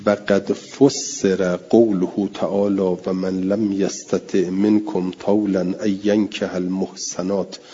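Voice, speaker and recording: A man teaching a religious text in class, reading Arabic passages aloud and then explaining them in Persian, slowing down and repeating key words. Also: sits low, flat delivery, warm tone, slightly rough, big-room sound. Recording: dull lo-fi recording.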